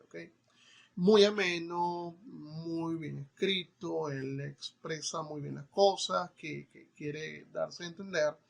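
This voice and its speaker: A man's voice: on the high side, gravelly, a bit bright. A man teaching an online Greek class, talking directly to the student and checking in with a friendly "ok?". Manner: conversational, often checks in with "¿ok?"; speaks directly to the student, with fillers and restarts. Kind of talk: casual online lecture.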